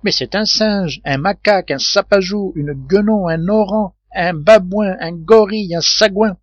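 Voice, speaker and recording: A man's voice: moderate pace, dry recording, lightly acted. Man playing a blustering hot-tempered sailor. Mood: indignant. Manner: loud indignant outbursts, raised pitch. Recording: dull dry lo-fi recording.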